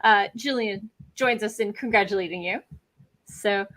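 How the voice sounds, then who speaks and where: A woman's voice: medium pitch, moderate pace, fairly bright tone. A middle-aged woman hosting a casual livestream, chatting and cheering on viewers' comments. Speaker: livestream host. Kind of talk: casual chat.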